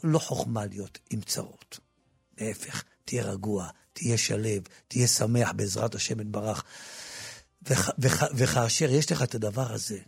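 Gravelly man preaching in a dry studio. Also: no echo. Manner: swings from low murmur to loud emphatic preaching; frequent repetitions and restarts. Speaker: religious teacher. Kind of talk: impassioned religious talk with book promotion.

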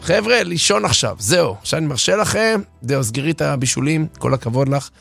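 Hoarse, lively male radio preacher. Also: on the high side, soft background music. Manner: animated, impassioned, acts out stories. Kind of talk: late-night radio sermon. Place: radio studio.

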